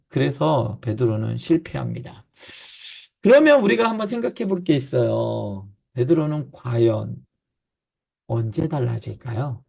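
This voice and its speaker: Korean church guy teaching the bible, gravelly fry in his voice, asks stuff then answers it, lots of uh's. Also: medium pitch. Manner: lively, asks questions and answers them, frequent "uh" fillers. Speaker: pastor teaching district leaders.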